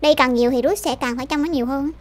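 Woman, gaming host, chatty let's-play commentary, talks fast. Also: sits high, steady tone. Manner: chatty, addresses viewers directly.

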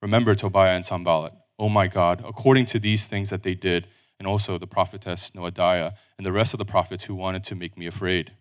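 A man reading scripture aloud at a pulpit microphone in a church service, steady and measured. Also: low-pitched.

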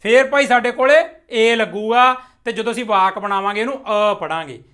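Young male teacher, high and bright voice, patient step-by-step lesson delivery, slows right down to model example sentences. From Punjab. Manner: slow, deliberate modelling of English sentences, clear step-by-step explaining. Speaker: English teacher. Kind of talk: spoken English lesson explained in Punjabi.

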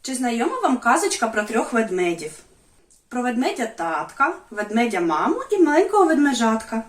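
A woman with a high, very lively voice teaches a music lesson to young children. She asks coaxing questions and recites rhymes, and her pitch swoops up and down as she speaks. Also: brisk, echoey room, recorded from a distance.

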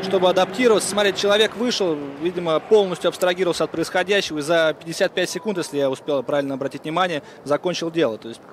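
Man, boxing co-commentator, conversational live commentary, fairly high voice, very loud background noise. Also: rapid-fire, hardly any pauses. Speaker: co-commentator, sports correspondent. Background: loud arena crowd.

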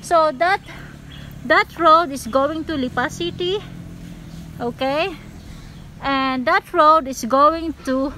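A woman's voice: high voice, slow pace, long pauses, sharp tone, slight background noise, poor audio. A Filipino woman in her forties with a Filipino accent, giving a casual walking tour outdoors, recorded on a phone held at arm's length, chatty and full of "so" and "guys". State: sweaty from walking. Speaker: real estate vlogger. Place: outdoors on rural lanes and overgrown land. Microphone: phone camera at arm's length.

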